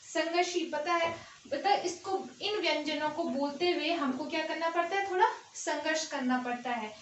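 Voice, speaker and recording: A woman's voice: high voice, moderate pace, recorded from a distance, slight background noise. A woman teacher giving a grammar lesson, explaining step by step and answering her own questions. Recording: echoey room, voice off-mic.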